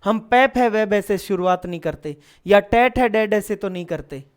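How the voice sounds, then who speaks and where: A male teacher with a smooth, clear voice leads an online class. He poses questions and answers them himself, then chants syllables one after another in an even rhythm. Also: high-pitched, moderate pace. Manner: explains step by step, asking and then answering his own questions. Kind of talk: online lesson.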